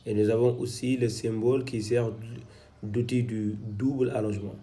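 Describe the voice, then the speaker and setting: A man's voice: medium pitch, little pitch movement, dark tone. A man teaching Quran reading in French, patiently sounding out syllables one at a time. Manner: spells out syllables slowly, stressing each one. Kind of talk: slow syllable-by-syllable reading lesson.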